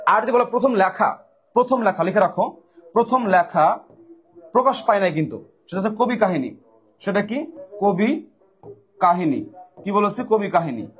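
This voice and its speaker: A man's voice: sits high, lively intonation, normal speed, long pauses. A man with a Bangladeshi Bengali accent, tutoring for university admission exams, drilling students with repeated questions and answers. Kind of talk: lecture solving exam questions.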